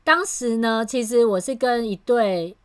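A woman, a communication trainer and podcast host, explaining ideas in casual chat and telling stories with animated patience. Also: a little high, a little slow, clear, resonant tone.

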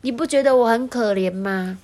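A woman voicing a polite, formal, proud talking leather schoolbag in a storybook, speaking slowly and courteously. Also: on the high side, darkish tone, pitched above the performer's own voice, natural voice. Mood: pleading. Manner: slow, very courteous.

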